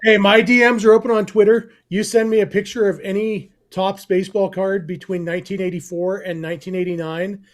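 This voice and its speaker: A man's voice: high voice, level tone, a little fast, few pauses. A man co-hosting a sports podcast, playful and fond of trivia. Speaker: podcast co-host. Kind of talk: casual chat.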